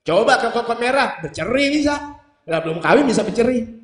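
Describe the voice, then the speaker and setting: A man's voice: very high voice, animated, brisk. A middle-aged man preaching a sermon, mixing in jokes and acting out couples' dialogue. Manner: humorous, acts out quoted couples. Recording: echoey hall sound.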